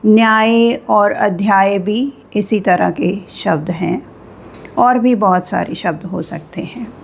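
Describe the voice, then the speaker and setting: A woman teacher walks through spelling rules at an extremely unhurried pace. She spells out each sound with pauses. Her pitch sits in a middle register. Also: creaky, a little hiss or hum. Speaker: Hindi teacher. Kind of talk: slow spelling lesson.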